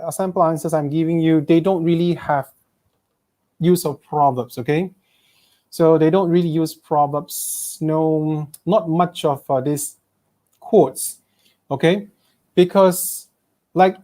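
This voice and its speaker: Here a Malaysian-accented man with a fairly high but dark voice teaches English exam prep online, voicing his students' questions aloud and often asking "okay?" to check they follow.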